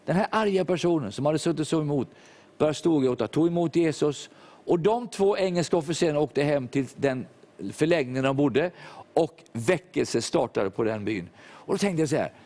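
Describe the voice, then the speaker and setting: A man's voice: fairly high pitch, animated, darkish tone. Older man preaching a sermon. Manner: storytelling, acts out quoted voices. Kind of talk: sermon testimony.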